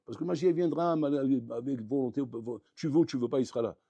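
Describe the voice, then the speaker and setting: A man, a rabbi, giving a lively Torah lesson, acting out little dialogues and swinging between loud outbursts and quiet asides. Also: mid-range voice, fast talker, breathy edge, no echo, highs cut off. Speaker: rabbi teaching a Torah class.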